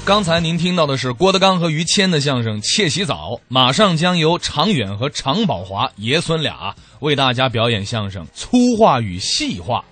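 A man's voice: medium pitch, very animated, normal speed, few pauses, fairly bright tone, soft background music. A man presenting a comedy programme as host, reading prepared introductions and anecdotes. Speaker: radio show host. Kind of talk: scripted presenting.

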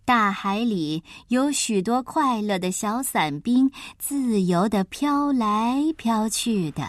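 A woman reading a gentle dandelion, softly. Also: on the high side, expressive, slow pace, no room sound. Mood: kind. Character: dandelion, kind soft-spoken plant.

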